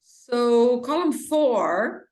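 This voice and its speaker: A woman's voice: on the high side, lively intonation, very slow, a little mellow. Patient Brazilian woman teaching English. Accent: Brazilian Portuguese. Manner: patient, mixes English and Portuguese, drills pronunciation. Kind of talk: one-on-one language lesson. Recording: roomy echo.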